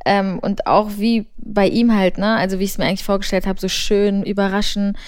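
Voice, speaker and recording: Young woman with a smooth, clear voice. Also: medium pitch, little pitch movement, brisk, a little mellow, no room sound, clean studio sound. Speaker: podcast co-host. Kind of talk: casual chat.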